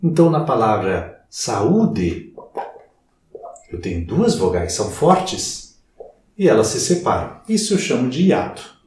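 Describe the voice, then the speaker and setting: A man's voice: mid-range voice, very animated, a little slow, a little mellow, a little hiss or hum. A man with a Brazilian Portuguese accent teaching a recorded class, stretching key words for emphasis and asking and answering his own questions. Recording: very echoey room, voice from far off.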